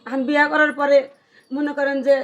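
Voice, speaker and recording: A young woman, telling her story in a street interview, loud and demanding at times. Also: high-pitched, flat delivery, a little fast, lo-fi sound, slight background noise. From Sirajganj, Bangladesh. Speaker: complainant.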